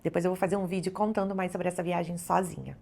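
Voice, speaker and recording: She's a middle-aged travel vlogger and photographer from Brazil, speaking quickly in a low-ish, steady, creaky voice that's a little mellow. In casual, chatty talk to camera, her Brazilian Portuguese accent shows and she keeps reaching for little fillers such as "né" and "então."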